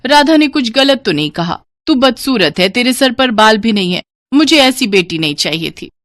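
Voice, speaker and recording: A woman voicing a harsh, taunting mother in a cartoon story, speaking low and cold. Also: sing-song, normal speed, a bit bright, no echo, clean studio sound.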